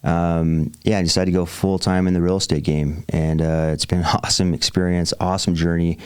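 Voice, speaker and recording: This podcast interview features a forties-aged real estate investor sharing his story with upbeat energy and frequent fillers. His deep, smooth voice holds a level tone at a slightly fast pace, free of echo.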